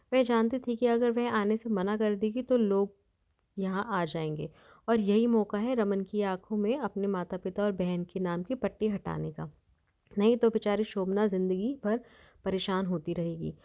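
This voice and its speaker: A woman narrating a scripted moral family story in an even, steady reading voice. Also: mid-range voice. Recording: dull lo-fi recording.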